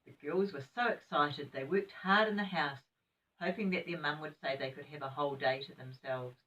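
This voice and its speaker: A sweet older woman with a New Zealand accent, reading a children's story in a gentle, expressive grandmotherly way with chatty asides. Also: low-pitched, normal speed, far from the mic, muffled recording.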